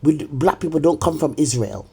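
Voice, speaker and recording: Speaking at a normal speed with lively intonation, a middle-aged woman confronts an absent person in a repetitive, scolding rant delivered straight to camera. Her low voice is dark and breathy, with some vocal fry.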